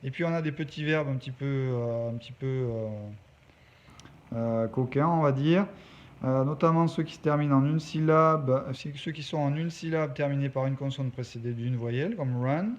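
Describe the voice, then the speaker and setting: A man's voice: mid-range voice, moderate pace. A man who teaches English, explaining a lesson step by step and stopping to check that his pupils follow. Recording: dull lo-fi recording, faint background noise.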